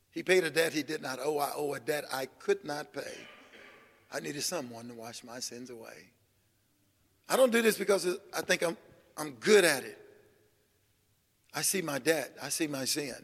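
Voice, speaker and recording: An older man with a somewhat high, gravelly voice preaches a sermon, telling funny stories in a folksy, animated style. He acts out the voices of the people he quotes, and the sound carries the echo of a large room.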